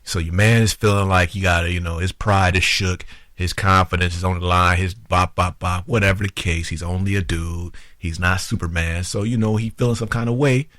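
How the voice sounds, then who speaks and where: A man hosting a talk show, giving relationship advice to women in an animated, informal way and acting out both sides of an argument. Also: low voice, a little fast, no room sound, studio quality. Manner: informal, conversational, addresses the audience directly.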